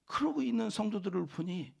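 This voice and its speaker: A middle-aged man preaching a dawn service sermon, swinging from low murmurs to loud emphatic cries and acting out voices in the story. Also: lively intonation, brisk, gravelly, breathy edge. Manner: acts out voices of God and the prophet. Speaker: pastor. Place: church sanctuary.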